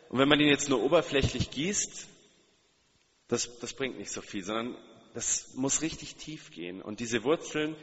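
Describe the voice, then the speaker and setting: A man's voice: medium pitch, a bit bright. Earnest male preacher in reverberant hall. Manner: earnest, direct questions to listeners, repeated emphatic phrases. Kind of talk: sermon. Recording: long hall reverb, dull sound.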